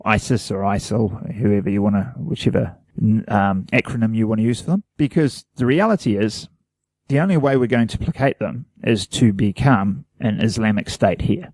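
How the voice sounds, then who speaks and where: A man's voice: fairly low pitch, normal speed, a little mellow, no room sound. Earnest rambling New Zealand podcast man. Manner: earnest, rambling, self-deprecating. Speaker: podcast co-host. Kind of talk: casual chat.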